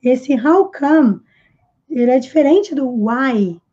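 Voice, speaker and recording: A Brazilian Portuguese-accented woman teaching an English lesson, explaining phrases and repeating the English lines slowly before translating them. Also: high-pitched, animated, mellow, dull audio. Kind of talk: language lesson.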